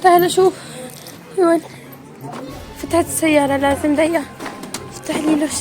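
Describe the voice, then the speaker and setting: A woman's voice: high voice, steady tone, a little fast. A young adult woman, hosting a family prank vlog at home, fussing and doting as she talks. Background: background music.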